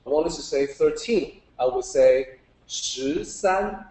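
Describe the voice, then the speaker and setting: Speaking slowly in a mellow, expressive voice on the high side, this man gives a casual public talk about Chinese characters. The recording sounds roomy and echoing as he patiently walks the group through each step and quizzes them.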